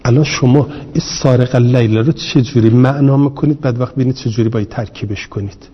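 A man teaching a grammar lesson, speaking slowly, repeating each term and asking his class rhetorical questions. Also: mid-range voice, breathy edge. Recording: reverberant, dull lo-fi recording.

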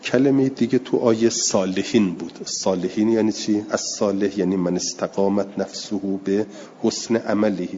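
A man with a low, mellow voice teaches a class on a religious text, reading each passage slowly before explaining it plainly and stopping to take students' questions. The recording sounds dull and lo-fi, with a long hall reverb behind him and slight background noise.

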